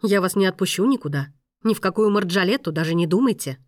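Woman voicing a calm stern maestro. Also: a little fast, no room sound, clean studio sound, natural voice. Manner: calm, firm, lowered voice. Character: stern composed man, a maestro.

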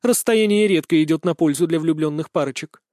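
Casting: male audiobook narrator, high voice, lively, dry booth sound. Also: brisk, no echo. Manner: lively, expressive reading. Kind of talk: scripted first-person narration.

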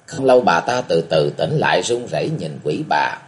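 A man's voice: deep voice, animated, normal speed. A man narrating a martial-arts audiobook with dramatic storytelling.

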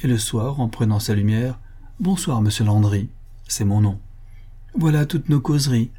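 A man's voice: mid-range voice, expressive, normal speed, mellow, breathy edge. A man voicing a talkative male concierge who is deferential and emphatic, eager to reassure his listener.

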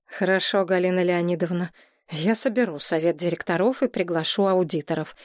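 A woman's voice: on the low side, fairly quick, dry recording, close to an everyday voice. A nervous, sarcastic middle-aged banker, voiced by a woman audiobook reader, sour and dismissive in tone. The read is dry and close.

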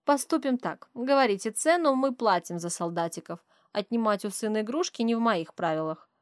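A woman voicing a gentle, wealthy young mother who speaks softly and soothingly, with a sly edge, in an audiobook. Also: a little high, lively intonation, fairly quick, no room sound, studio quality, voice pushed up, natural voice. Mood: composed. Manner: soft and soothing, with a biting edge. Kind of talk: audiobook character voice.

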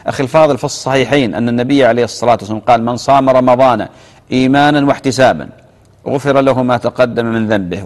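A medium-pitched man's voice with a long reverb tail comes from a television studio, where a religious scholar answers callers' questions on a live fatwa Q&A. He reads each question aloud, then responds, gently repeating his key phrases.

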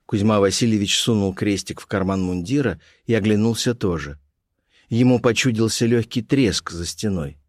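A man narrating a classic story in a measured, expressive storytelling manner. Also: on the low side, no echo, clean studio sound. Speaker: audiobook narrator.

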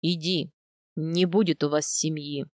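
A woman doing a low, slow-spoken steppe khan. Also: steady tone, no echo, studio quality. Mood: grave, measured. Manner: slow, measured and firm. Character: stern older steppe khan, calm and weighty.

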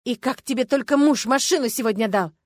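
A woman's voice: a little high, brisk, no room sound, studio quality, pitched above the performer's own voice, natural voice. A woman reading an audiobook, voicing an anxious middle-aged woman who scolds and pleads with her reckless friend. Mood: scolding, alarmed.

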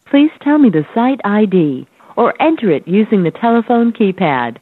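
A woman's voice: mid-range voice, very animated, normal speed, slightly rough. Woman's recorded phone message over a tinny line. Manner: polite and evenly scripted. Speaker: automated phone menu voice. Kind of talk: prompts for a phone menu.

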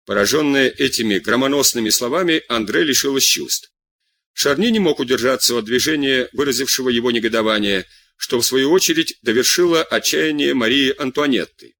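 A man's voice: mid-range voice, brisk, sharp tone, no room sound. A man reading a novel aloud as an audiobook, voicing each character in turn. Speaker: audiobook reader. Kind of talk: scripted narration.

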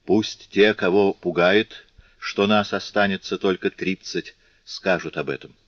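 A man's voice: low voice, steady tone, unhurried, fairly bright tone, no echo. A man voicing a stern, commanding male revolutionary leader, firm and authoritative, in a dull, lo-fi recording.

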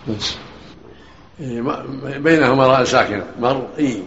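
A sheikh with a gravelly voice, pitched in the middle, teaches a hadith lesson. He breaks in often to question and correct the reader. The recording is dull and lo-fi. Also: brisk, a little hiss or hum. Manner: interrupts to query and correct readings.

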